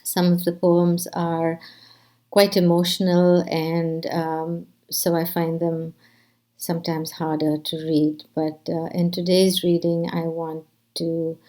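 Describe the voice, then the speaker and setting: A middle-aged woman from India, a poet and teacher, introducing her poetry reading in a soft, hesitant way with many fillers. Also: lowish voice, completely flat delivery, slow pace.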